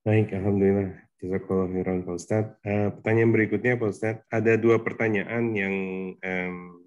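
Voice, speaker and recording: A man's voice: fairly low pitch, steady tone, moderate pace, a little mellow, dull audio. A man moderating a religious study session, politely passing on questions with hesitant fillers.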